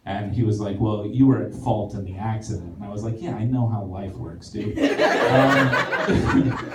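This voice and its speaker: A man's voice: fairly low pitch, a little slow, background noise. A man doing stand-up on a theater stage, telling a story in a rambling, self-deprecating way with lots of fillers and restarts, while the audience laughs. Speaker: stand-up comedian. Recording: roomy echoey live theater recording from far off.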